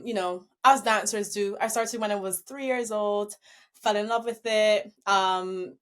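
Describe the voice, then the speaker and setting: A young woman from Barbados talks through her dance career as an interview guest, upbeat and laughing easily. Her voice sits at an ordinary pitch for a woman and flows like casual storytelling. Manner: upbeat, laughs easily while telling stories.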